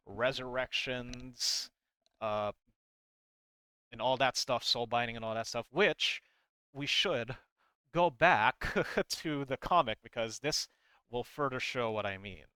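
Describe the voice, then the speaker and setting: Speaking in a medium-pitched, bright and forceful voice that is clear and resonant with no room sound, a video host explains game lore. His commentary on a comic is informal and halting, wandering as he explains and occasionally reading from it.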